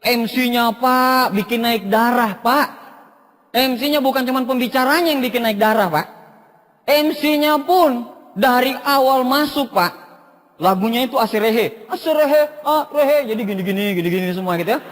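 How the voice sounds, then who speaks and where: A man's voice: very high voice, moderate pace, a bit bright. A man giving a humorous motivational talk, telling stories and addressing listeners as "Pak" again and again. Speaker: motivational speaker. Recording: long hall reverb.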